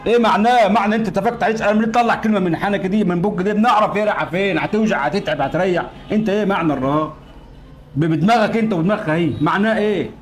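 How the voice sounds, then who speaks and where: A man's voice: sits high, rapid-fire, soft background music, close to an everyday voice. A man playing a middle-aged Egyptian father who lectures and scolds his grown children in a comedy sketch. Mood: stern. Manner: lecturing, reproachful.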